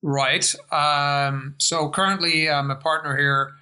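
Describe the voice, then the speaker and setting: A middle-aged man from Denmark with an American-influenced Danish accent, giving measured, thoughtful interview answers as a guest. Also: fairly high pitch, steady tone, pushed and bright, smooth. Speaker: guest, life-science investor.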